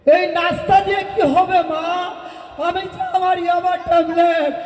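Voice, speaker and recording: A man's voice: very high voice, flat delivery, normal speed. A man playing a frantic young addict. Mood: pleading. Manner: wailing, pleading, shouting. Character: desperate young man craving pills, begging his mother. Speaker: stage actor. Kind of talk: live stage drama. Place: stage in a large hall. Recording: echoey hall, faint audience.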